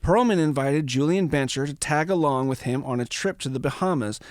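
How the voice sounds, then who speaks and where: A man's voice: a little high, fairly quick, dry recording, studio quality. Joking, profane podcast host, a man. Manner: profane, jokey, rambling. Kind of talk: casual storytelling recap.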